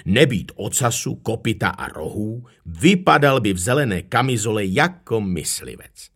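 A man reading a children's fairy tale aloud in an expressive, animated way. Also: mid-range voice, slightly rough. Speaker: narrator.

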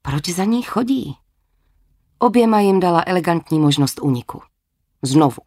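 A woman's voice: fairly low pitch, expressive, a little mellow, no echo, studio quality. A woman narrating a novel as an audiobook, with a wry, lightly ironic tone.

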